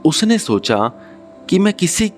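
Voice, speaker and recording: A man's voice: sits high, sing-song, takes it slowly, faint music behind. A man narrating a spiritual story in casual Hindi mixed with English words.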